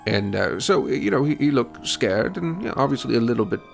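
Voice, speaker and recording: A man playing a courteous, evasive elf noble in a tabletop game, speaking in a halting, hesitant way. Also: mid-range voice, big pitch swings, creaky, over music. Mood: uneasy. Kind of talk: tabletop role-play character voice.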